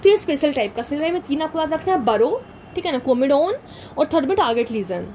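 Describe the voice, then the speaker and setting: A woman's voice: high-pitched, big pitch swings, fast, a little mellow, slight background noise, low-quality recording. A woman teaching a medical class, explaining step by step, asking and answering her own questions as she draws diagrams. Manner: draws diagrams while talking, frequent "theek hai na". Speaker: medical lecturer. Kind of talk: classroom lecture, mixing Hindi and English.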